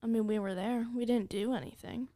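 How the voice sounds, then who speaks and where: A woman playing in a tabletop role-playing game, speaking in a quick, joking way and often laughing. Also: on the high side, fairly even intonation, dark tone. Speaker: player. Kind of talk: casual tabletop game chat.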